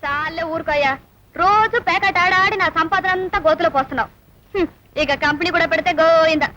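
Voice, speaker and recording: An actress playing a sharp-tongued young housewife who scolds her family impatiently. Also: very high voice, quick pace. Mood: scolding. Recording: dull old film soundtrack with faint noise.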